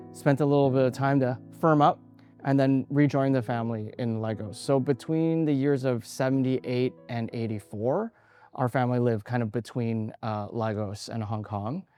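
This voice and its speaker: His voice is medium in pitch and a little mellow: a forties-aged artist, raised in Canada, being interviewed about his work. He comes across as thoughtful but hesitant, using plenty of fillers and frequent restarts.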